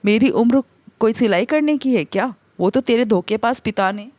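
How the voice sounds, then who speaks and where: A woman's voice: a little high, normal speed, a little mellow, dry recording, close to an everyday voice. A woman voicing a greedy, complaining middle-aged mother-in-law who scolds and pities herself. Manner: scolding, self-pitying complaints.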